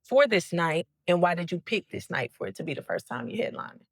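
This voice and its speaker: A woman's voice: on the low side, big pitch swings, brisk, no room sound. A woman hosting a casual interview, hyped and encouraging, talking in a slangy way. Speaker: host.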